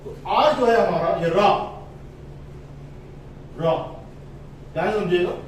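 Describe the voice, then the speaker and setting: A man with a very high voice teaches a phonics lesson, drawing out each letter and vowel slowly. He sounds set back from the microphone in a strongly echoing room, with faint ambient noise behind him. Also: recorded from a distance. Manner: slow, drawn-out spelling of letters and words, stressing vowel sounds.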